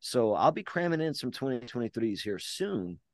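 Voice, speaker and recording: A man's voice: medium pitch, very animated, moderate pace, no echo. A man hosting a podcast over a video call, talking in a profane, boisterous, bragging way. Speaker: podcast host. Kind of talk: casual chat.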